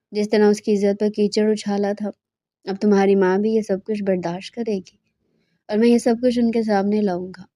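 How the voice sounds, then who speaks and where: A woman's voice: medium pitch, dark tone, dry recording, natural voice. A woman voicing a cold, cruel young man who dismisses and blames others, recorded dry and close.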